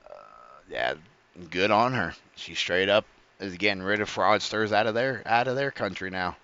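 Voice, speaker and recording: A man's voice: lowish voice, moderate pace, bright, forceful tone, clean tone, dull audio. A man giving casual, rambling reaction commentary, often stopping to correct himself and swearing freely. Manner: rambling, self-correcting, profane. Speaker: streamer reacting to clips.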